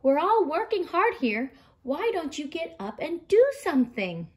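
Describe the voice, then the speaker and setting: A woman doing a cheeky, high-voiced male monkey. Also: big pitch swings, unhurried, darkish tone. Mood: teasing, challenging.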